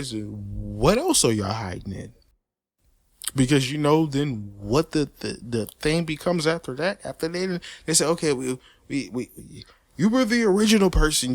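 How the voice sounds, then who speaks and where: A medium-pitched man hosting a personal commentary channel goes on an emphatic, off-the-cuff opinion rant, recorded at studio quality with no room sound. He repeats himself, stutters and restarts words often, and is animated throughout, with free swearing and street slang.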